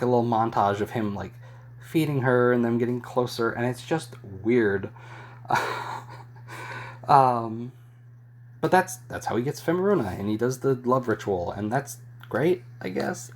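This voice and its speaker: A man hosting his own channel, giving a rambling, amused, casual spoken recap of anime episodes with frequent soft chuckles. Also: mid-range voice, breathy edge. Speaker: YouTube host reviewing an anime.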